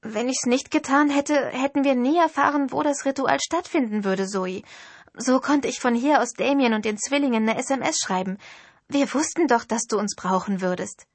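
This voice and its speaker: A woman voicing an earnest, eager teenage girl in an audiobook, speaking in a breathy voice. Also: high voice, moderate pace, no room sound, voice pushed up.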